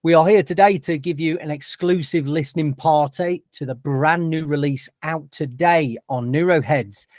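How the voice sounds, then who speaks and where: A man's voice: a little high, normal speed, few pauses, darkish tone, dry recording, studio quality. A man hosting a podcast in a chatty, jokey way. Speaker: podcast host. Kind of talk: casual podcast chat.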